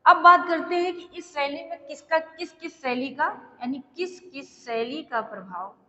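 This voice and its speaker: A woman teacher giving a slow, repetitive exam-prep lecture, pausing often to check that her students are following. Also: high-pitched, bright, forceful tone, big-room sound, lo-fi sound.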